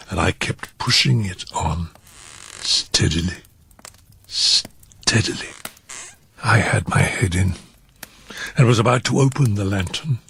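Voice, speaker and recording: Gravelly, unhinged murderer, fireside storytelling. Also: male voice, a bit bright, a little hiss or hum. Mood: hushed suspense. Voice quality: low gravelly voice breaking into whispers and high cackles. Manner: theatrical, drawn-out words, sudden swings in pitch and pace. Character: unhinged, gleefully cunning murderer confessing his crime. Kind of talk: dramatic fireside storytelling of a gothic horror tale.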